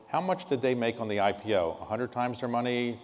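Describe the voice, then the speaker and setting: A man's voice: mid-range voice, fairly quick. A man interviewing a guest on stage, asking blunt, probing questions with a wry edge. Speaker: interviewer, club president. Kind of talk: onstage interview. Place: large hall on stage. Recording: long hall reverb.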